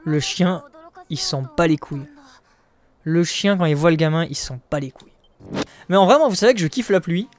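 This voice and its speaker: A male streamer giving joking, crude, self-mocking live gameplay commentary, excitable and often laughing. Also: a little high, moderate pace, pauses often. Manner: excitable, exclaims at the game.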